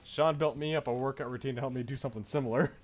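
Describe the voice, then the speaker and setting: A man streams a visual novel, reading it aloud expressively and tossing in chatty asides, with video game music playing behind him. His voice is mid-range and steady in tone, and he speaks very fast.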